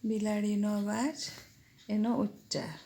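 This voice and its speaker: A woman teacher slowly dictating an English vocabulary lesson to children, spelling words out letter by letter. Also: medium pitch, little pitch movement, vocal fry, dark tone.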